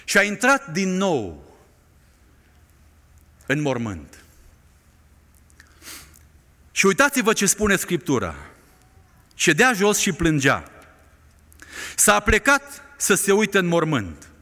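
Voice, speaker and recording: A man preaching a sermon with impassioned delivery, swinging between soaring climaxes and hushed, quiet lines. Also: sits high, wildly swooping pitch, pauses often. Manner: impassioned, dramatic rises and hushed drops. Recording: long reverb of a large hall.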